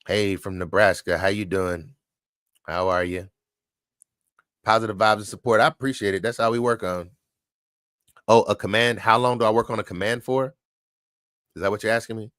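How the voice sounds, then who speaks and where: A man hosting a casual livestream, chatting and answering viewers' dog training questions, relaxed and repeating his points. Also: lowish voice, normal speed, long pauses, dry recording, studio quality.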